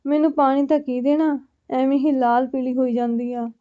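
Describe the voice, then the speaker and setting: A woman's voice: sits high, flat delivery, moderate pace, narrow, tinny audio, lightly acted. A woman voicing a lecherous, lying brother-in-law in a storybook reading, in a smug, dismissive manner.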